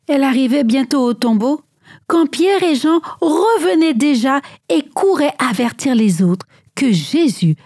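A woman reading a story aloud in an animated, dramatic way, at times dropping to a whisper. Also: a little high, no room sound, clean studio sound.

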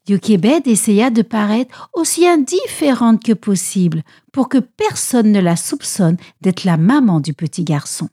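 A woman narrating a children's Bible story in an expressive, animated way. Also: on the high side, no room sound, clean studio sound.

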